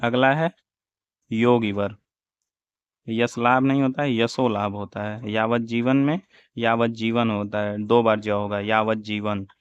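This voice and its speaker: A male teacher drills spelling corrections at a slow, steady pace, setting each wrong form against the right one. His voice is smooth and clear. The recording is dry and a little dull, like lo-fi audio. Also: lowish voice, no room sound. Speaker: Hindi teacher. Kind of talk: exam-prep spelling lesson.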